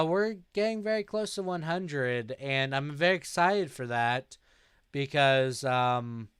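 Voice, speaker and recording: A young man chatting casually on a live stream, reading out chat messages and answering them. He sounds sleep deprived and talks in a slow, drowsy way. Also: mid-range voice, fairly bright tone, clean tone, dry recording, clean studio sound.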